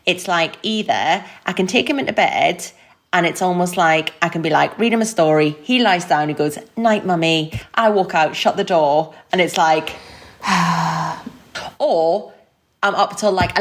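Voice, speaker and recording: A woman's voice: fairly low pitch, measured pace. A woman, co-hosting a comedic parenting podcast, rambling and self-deprecating with frequent laughs. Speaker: podcast co-host. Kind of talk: casual comedic chat.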